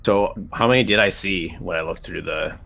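A man's voice: sits low, normal speed, vocal fry, bright, forceful tone, slight background noise. A man talking casually as a player in a tabletop game, describing his moves.

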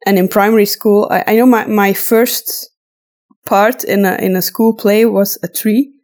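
Measured and steady, her mid-range voice has a darkish tone. A Flemish-accented podcast host and audio drama voice actor from Flanders, Belgium, whose native language is Dutch, she chats casually and pokes fun at herself while answering listeners' questions.

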